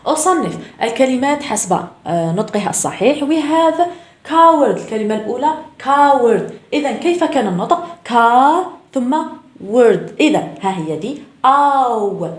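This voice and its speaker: Woman teacher, fairly high voice, repeats words slowly with stress, very echoey room. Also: expressive. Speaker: English teacher. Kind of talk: explaining pronunciation in a lesson.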